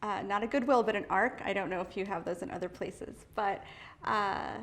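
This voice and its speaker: A woman's voice: mid-range voice, normal speed. A woman artist from the US East Coast in a casual interview, talking thoughtfully with many fillers, restarts and light laughs. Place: indoor art studio.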